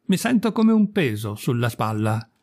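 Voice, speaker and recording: A man's voice: medium pitch, big pitch swings, moderate pace, darkish tone. A man doing a grumbling bedridden innkeeper.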